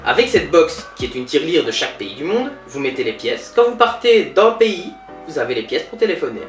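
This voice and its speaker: A man's voice: a little high, a little fast. A man playing a pompous, bragging billionaire in a comedy sketch interview. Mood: boastful. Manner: bragging, self-satisfied, lively storytelling. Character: boastful, pompous male billionaire entrepreneur. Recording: roomy, distant mic, faint music.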